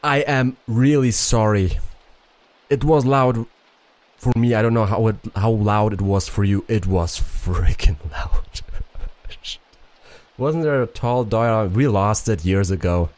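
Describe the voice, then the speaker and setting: Low voiced guy streaming a puzzle game, mutters to himself, swears a bit. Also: takes it slowly, darkish tone, dry recording. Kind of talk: casual live-stream commentary.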